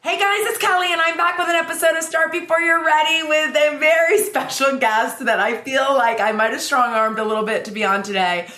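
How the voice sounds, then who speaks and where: A woman's voice: high voice, a little fast, few pauses, sharp tone, soft background music. A woman hosting a podcast, chatty and upbeat, rambling a little with restarts as she talks. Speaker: podcast host. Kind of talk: casual podcast chat. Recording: roomy echo.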